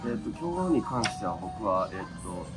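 A man's voice: lowish voice, sing-song, normal speed. A young man with a Kansai accent chats casually in a cafe, recorded by a camera across the table. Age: young adult. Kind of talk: casual chat. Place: indoor cafe. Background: music.

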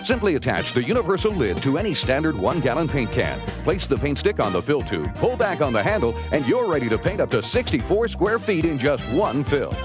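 An American male announcer narrates a scripted TV commercial with a highish, very animated delivery. He sounds polished and upbeat, selling over a clear music bed. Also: brisk, hardly any pauses.

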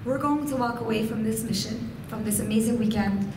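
This keynote speaker is a Farsi-speaking woman in her thirties of Persian family background, delivering an inspirational speech to women at a stand-mounted podium mic. She talks briskly in a slightly high voice, gesturing expressively. The hotel function room sounds echoey, and there's noise in the background.

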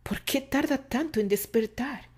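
A woman's voice: sits high, measured pace, breathy edge, pitched above the performer's own voice. A woman as an anxious young friend. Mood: worried.

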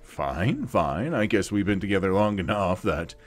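Casting: young male gamer host, deep-pitched, loose and chatty, swears freely while he plays. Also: sing-song, normal speed, faint music behind. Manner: chatty, laughing, swearing, rambling. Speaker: let's play host. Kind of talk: casual gameplay commentary.

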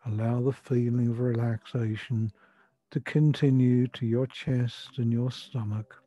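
An older man with a soft, breathy voice gently guiding a breathing and relaxation meditation in soothing, measured instructions. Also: medium pitch, flat delivery. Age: 60s or older. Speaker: relaxation therapy guide. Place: furnished room at home. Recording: dull lo-fi sound, music behind. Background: music.

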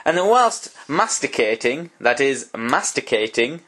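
A woman's voice: a bass voice, sing-song, measured pace, fairly bright tone, breathy edge. A woman chatting playfully into a camera in a bedroom, narrating her friend like a nature documentary. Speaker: vlogger. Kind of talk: casual vlog chat.

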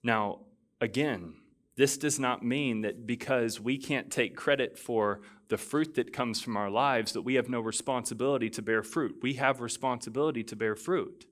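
A man's voice: medium pitch, normal speed, fairly bright tone. A man, a pastor, preaching a sermon, mixing conversational asides and restarts with emphatic passages that build in intensity. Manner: builds to emphatic, rising intensity on key phrases. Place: church.

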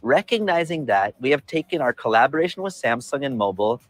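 A man in his forties delivering a scripted tech keynote presentation outdoors on a city rooftop, upbeat and measured. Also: mid-range voice, animated, no room sound, faint music behind.

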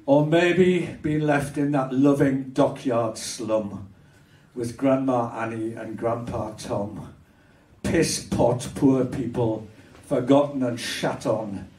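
An older man with a Hull accent performing spoken word poetry on stage, measured and wry with bursts of anger. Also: mid-range voice, fairly even intonation, darkish tone, recorded from a distance. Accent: Hull, Yorkshire. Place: small dark performance venue. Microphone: stage mic on stand, filmed from far. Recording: roomy venue sound from afar.

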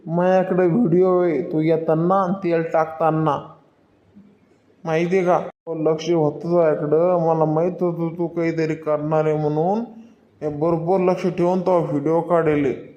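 A man voicing a stern, gruff old village father-in-law in a cartoon. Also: fairly high pitch, level tone, dark tone, close to an everyday voice. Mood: stern scolding. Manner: slow, gruff, scolding. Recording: dull roomy home recording.

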